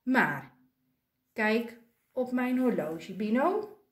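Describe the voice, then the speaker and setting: A woman voicing a kind male penguin friend who reasons calmly and gently. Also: fairly high pitch, drawn-out words, roomy sound. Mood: caring.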